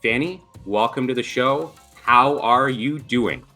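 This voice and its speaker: A man's voice: mid-range voice, takes it slowly, pushed and bright, faint music behind. A man hosting a podcast interview, upbeat and chatty, often restarting his sentences as he rambles toward his questions. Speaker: podcast host.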